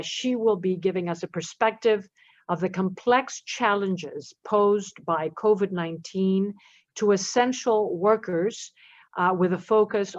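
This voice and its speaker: Woman hosting a panel, lowish voice, dry dull audio, keeps repeating words. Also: no echo. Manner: warm, gracious thanks with repeated words. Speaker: panel moderator. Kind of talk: introducing panelists.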